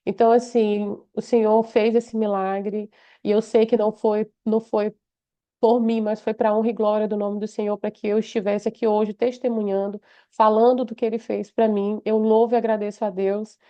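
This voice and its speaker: A woman's voice: medium pitch, flat delivery, normal speed, clean tone. A woman from Brazil giving a heartfelt personal testimony, speaking devoutly with frequent restarts. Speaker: church member giving testimony. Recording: slightly muffled lo-fi audio.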